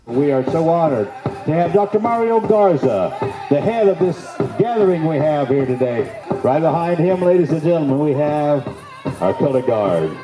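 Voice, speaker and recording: A man's voice: on the high side, very animated, moderate pace. A man working as a powwow emcee, announcing dancers into the arena with folksy, celebratory introductions. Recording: echoey arena sound with music behind.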